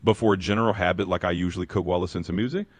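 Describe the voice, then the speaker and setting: A man's voice: sits low, fairly even intonation, rapid-fire, slightly rough, no room sound. A man tutoring Japanese, asking practice questions and explaining with encouraging feedback.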